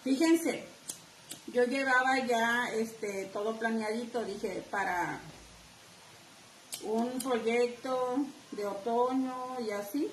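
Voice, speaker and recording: A woman's voice: a little high, slow, recorded from a distance. A middle-aged woman with a northern Mexican accent teaching a live craft class, chatty and talking straight to her viewers. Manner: chatty, addresses viewers directly. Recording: echoey room, faint background noise.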